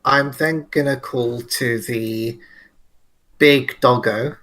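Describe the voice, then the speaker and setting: A man's voice: medium pitch, steady tone, takes it slowly, fairly bright tone. A man playing a tabletop game, hesitant with many fillers and playful swearing. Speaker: player. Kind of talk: casual tabletop game play.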